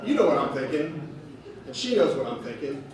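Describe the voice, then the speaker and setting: A man doing a stand-up comedy set in a bar, telling stories with deadpan delivery. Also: fairly high pitch, fairly quick, crowd noise. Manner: deadpan storytelling with acted quotes. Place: bar stage with laughing audience. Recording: echoey bar room from far off, noisy.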